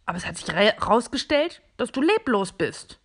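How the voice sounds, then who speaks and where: A woman doing a loud, daft little plastic toy man. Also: a little high, big pitch swings, normal speed. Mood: excited.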